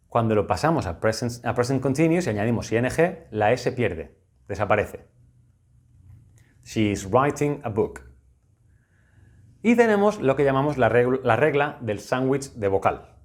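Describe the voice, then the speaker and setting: Young adult man, Spain accent, video-lesson grammar teacher. Patient, explanatory, repeats key points. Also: mid-range voice. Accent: Spain Spanish. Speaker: English teacher.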